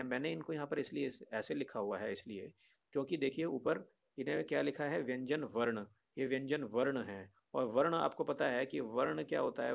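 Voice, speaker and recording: A man's voice: mid-range voice, gravelly. A man teaching a grammar lesson, patiently explaining to children and often asking rhetorical questions. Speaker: Sanskrit teacher.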